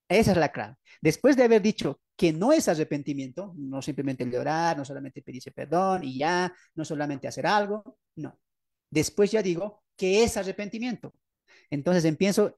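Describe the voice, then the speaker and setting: A man's voice: on the high side, darkish tone, no echo, clean studio sound. Male pastor teaching with rhetorical questions. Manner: asks the audience rhetorical questions; repeats key phrases for emphasis. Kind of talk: teaching sermon presenting his book.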